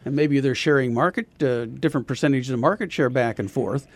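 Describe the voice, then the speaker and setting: A man speaking as an insurance consultant guest on a radio talk show, explaining things in a measured way with pauses and fillers. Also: medium pitch, creaky. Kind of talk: radio interview answers.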